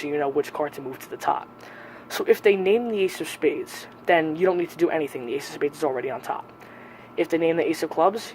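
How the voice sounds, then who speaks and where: Higher-voiced man teaching, with background noise. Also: poor audio. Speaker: magic tutorial presenter. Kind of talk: casual step-by-step card trick tutorial.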